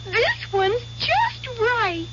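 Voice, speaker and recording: A woman playing a perky grown-up Goldilocks in an old radio commercial, with a gushing, drawn-out delivery. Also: very high-pitched, huge pitch swings, a bit bright, heavily acted. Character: grown-up Goldilocks, a perky fairy-tale taste tester. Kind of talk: 1970s radio commercial acting. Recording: dull, faintly noisy vintage radio recording.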